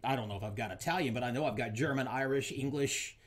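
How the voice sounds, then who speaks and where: A man's voice: mid-range voice, fast. A man from Oklahoma, hosting a show and delivering an opinionated political monologue with emphatic, repeated lines. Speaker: show host.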